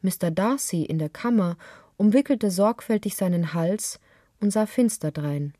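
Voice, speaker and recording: A woman narrating a literary story for radio in a calm, measured way. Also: medium pitch, no echo, clean studio sound.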